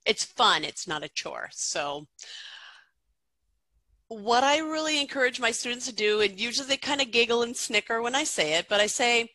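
Middle-aged woman teacher, bright forceful voice, chatty with lots of fillers, dry close sound. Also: fairly high pitch, expressive, normal speed, no echo, rough recording. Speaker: pronunciation teacher, guest. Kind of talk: explaining in an interview.

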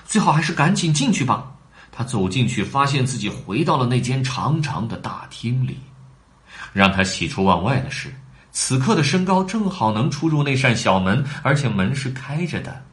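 A man reading a children's story aloud in an animated way, talking to the children between lines. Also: medium pitch, moderate pace.

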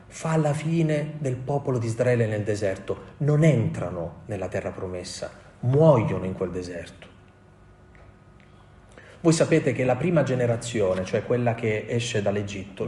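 A man's voice: lowish voice, dark tone. A man preaching a sermon with passion, climbing to emphatic peaks and acting out short quoted cries. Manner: impassioned, rising to emphatic peaks, quoting voices. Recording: echoey room.

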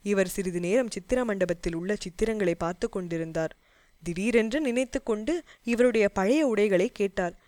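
A woman's voice: mid-range voice, moderate pace, darkish tone, dry recording, natural voice. A woman voicing a deferential male palace guard pleading with his master. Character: subservient male palace guard, excusing himself.

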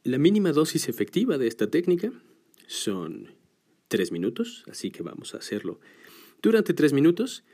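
A man's voice: a little high, big pitch swings, moderate pace, warm tone, slightly rough. A man guiding a box-breathing exercise, patiently counting the seconds aloud. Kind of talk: guided breathing instruction.

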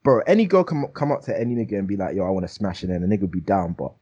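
A man's voice: lowish voice, big pitch swings, rapid-fire, mellow, husky, muffled recording. A young man with a London roadman accent hosting a casual, slang-heavy chat, repeating phrases for emphasis. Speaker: podcast host.

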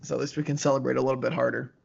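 A man of twenty-five chatting casually as a podcast co-host, his voice hoarse, with a smoker's rasp and prone to cracking. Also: medium pitch, little pitch movement, very fast, a little mellow, dull audio. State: hoarse from a lost voice. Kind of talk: casual chat.

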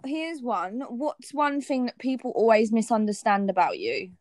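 A woman's voice: a little high, animated, normal speed, darkish tone, no room sound, clean studio sound. A young woman, co-hosting a podcast in casual, candid chat full of "like". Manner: chatty, fillers like "like", candid. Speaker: podcast co-host.

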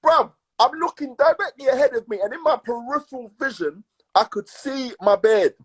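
A man with a London roadman accent telling stories in casual, slangy chat, emphatic and repetitive, with a husky voice. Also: extremely high pitch, moderate pace. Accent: London urban, roadman. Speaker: podcast co-host.

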